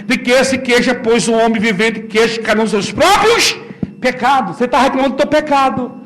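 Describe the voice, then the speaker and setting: A Brazilian pastor with a very high voice for a man preaches a sermon in everyday, repetitive speech. His delivery swings between ringing calls to the congregation and quiet, confiding asides. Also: normal speed. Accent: Brazilian Portuguese.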